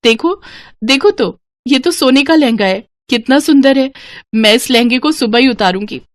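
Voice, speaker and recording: A woman voicing a young witch disguised as a frightened bride in an animated story, with tearful, coaxing pleas. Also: sits high, moderate pace, dry recording, clean studio sound, pitched above the performer's own voice.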